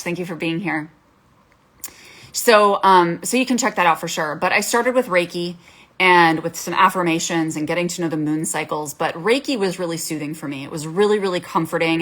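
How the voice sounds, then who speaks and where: A woman's voice: fairly low pitch, fairly bright tone. A woman in her forties, a wellness coach and former therapist, talking candidly and emotionally on a casual live stream, swearing freely.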